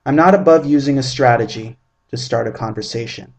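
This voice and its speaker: Reading a story he wrote in the first person, this twentysomething man keeps a measured pace and paints vivid, descriptive pictures. The pitch is middling, the tone a touch mellow.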